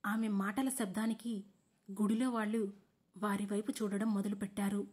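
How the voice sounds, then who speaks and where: A woman narrating a drama story in a steady, measured reading style. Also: mid-range voice, slightly rough.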